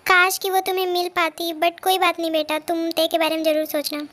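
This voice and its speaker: A woman voicing a gently coaxing mother. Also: very high-pitched, monotone, a little fast. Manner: soothing, coaxing. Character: gentle worried mother of a grown son. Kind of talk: Hindi fan-fiction dubbing.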